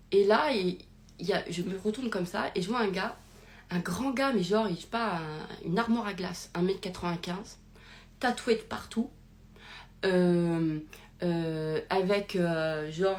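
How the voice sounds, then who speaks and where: A young woman telling a personal story in a casual, rambling way, with many fillers and restarts, recorded live on a phone. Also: fairly low pitch. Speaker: podcast host.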